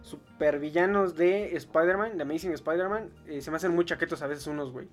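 A young man with a Mexican accent chatting casually about comics, slangy and quick to laugh. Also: a little high, soft background music. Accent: Mexican Spanish. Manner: slangy, laughs often, lively imitations. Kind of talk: casual chat.

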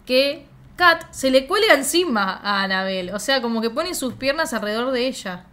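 A woman's voice: sits high, lively intonation, normal speed, bright, forceful tone. A young woman with an Argentine accent, co-hosting a casual podcast and recapping scenes in a chatty, slangy way. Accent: Argentine Spanish. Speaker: podcast co-host. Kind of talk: casual reaction podcast chat.

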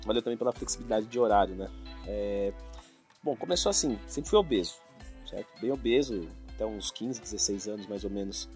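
A man, a fitness expert telling his story as an interview guest, animated and acting out quoted dialogue. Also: fairly low pitch, brisk, faint music behind.

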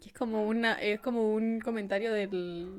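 A young woman with a Chilean accent, telling anecdotes in a casual podcast chat. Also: medium pitch. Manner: fast, animated storytelling. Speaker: podcast co-host.

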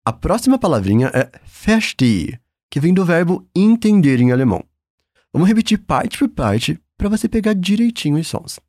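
A Brazilian-accented man leads a language lesson in a fairly high, very lively voice. He is patient and encouraging, and sounds upbeat. The recording is dry and close. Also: moderate pace, no room sound. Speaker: German teacher.

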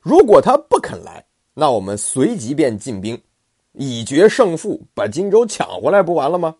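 A man's voice: fairly high pitch, wildly swooping pitch, moderate pace, darkish tone, slightly rough, pitched above the performer's own voice, full character voice. Man doing a scheming court advisor. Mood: plotting. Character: scheming, calm male advisor.

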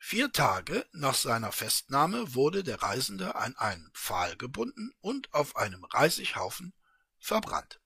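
A man reads a story aloud at an unhurried pace. His husky voice moves through a lively melody. It has a bright, forward tone. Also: medium pitch, no echo, clean studio sound. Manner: slow, expressive storytelling. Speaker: reader and channel host. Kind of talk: reading a short story aloud.

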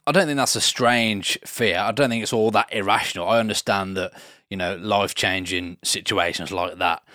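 A man hosting a podcast interview in a relaxed, jokey way, swearing casually. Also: fairly low pitch, moderate pace, dry recording, clean studio sound. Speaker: podcast host.

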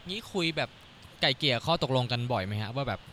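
A man's voice: mid-range voice, expressive, fast talker, a bit bright, a little hiss or hum. A man hosting a casual interview, asking loose, searching questions. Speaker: host.

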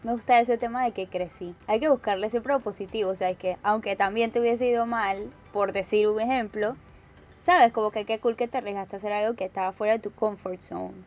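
A woman's voice: medium pitch, steady tone, a little fast, darkish tone, soft background music. Upbeat woman host, slightly muffled. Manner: reactive, exclaims and encourages. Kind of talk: casual chat.

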